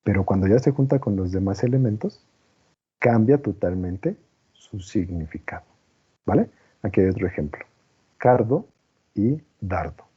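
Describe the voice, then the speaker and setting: Man, teacher, husky low voice, patient and explanatory, dull muffled recording. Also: lively intonation, moderate pace, pauses often. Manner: patient, checks understanding with frequent "¿no?" and "¿vale?". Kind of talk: explaining a lecture to a class.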